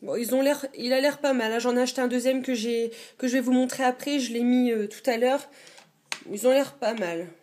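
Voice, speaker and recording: A woman's voice: fairly high pitch, fairly quick, darkish tone. Chatty young woman vlogging from her bedroom. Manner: chatty, hesitant, many fillers. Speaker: beauty vlogger. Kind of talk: casual show-and-tell. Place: dim bedroom.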